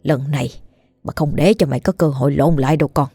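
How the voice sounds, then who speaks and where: A woman putting on a shrill, spiteful old mother-in-law. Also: fairly even intonation, quick pace, creaky, warm tone, breathy edge, dry recording, soft background music, full character voice. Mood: scheming. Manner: sour, scolding and wailing.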